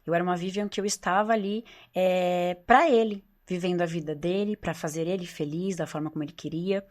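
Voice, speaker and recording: A woman's voice: medium pitch, darkish tone. A woman with a Brazilian accent, a doctor who runs a nutrition clinic, telling her personal story as a podcast guest in an earnest, confiding way, often tagging her sentences with "né?" and repeating phrases.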